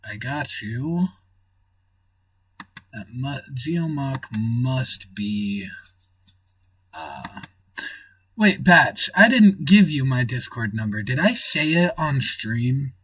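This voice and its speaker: A man's voice: mid-range voice, sing-song, drawn-out words, long pauses, fairly bright tone, slightly rough, no echo, recorded from a distance. A man hosting a livestream in casual chat, rambling and thinking aloud as he reads the chat. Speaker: livestream host.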